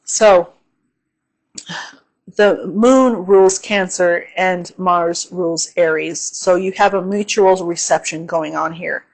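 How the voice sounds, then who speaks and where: A woman with a lowish, slightly hoarse and tired voice hosts her own channel, going through an astrology forecast in a casual, unhurried manner. Her tone stays steady, she says "um" a lot and asks "okay?", and the recording is low quality.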